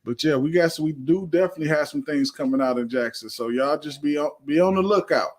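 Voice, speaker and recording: A man's voice: a little high, fast talker, a little mellow, soft background music. A man who is a guest in a casual chat, laid-back and talking in loose run-on sentences.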